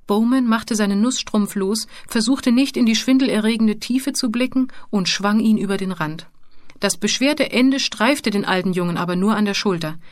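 Calm woman narrating a storybook. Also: mid-range voice, dry recording. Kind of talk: audiobook narration. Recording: dry close studio sound.

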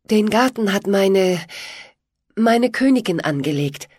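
A woman's voice: mid-range voice, lively intonation, takes it slowly, a little mellow, no echo, studio quality. A woman voicing an earnest, worried young stable boy who stammers and pleads. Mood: pleading.

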